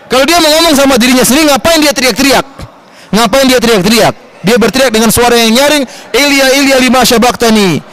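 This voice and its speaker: A man from Indonesia giving a religious study lecture in a large mosque, quoting scripture in a raised, animated voice. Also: sits high, rough recording. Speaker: Islamic preacher.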